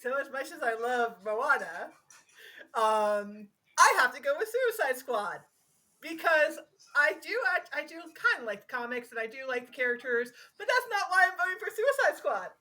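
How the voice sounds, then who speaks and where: A woman's voice: high-pitched, sing-song, normal speed, sharp tone, rough recording. A woman co-hosting a casual podcast, gushing and enthusiastic, laughing as she talks. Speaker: podcast co-host.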